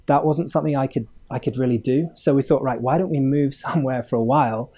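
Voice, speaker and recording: Speaking fast in a mellow, slightly rough medium-pitched voice, a Hong Kong-born game studio owner guests on a podcast. The chat is relaxed and rambling, peppered with fillers and chuckles in the middle of his sentences.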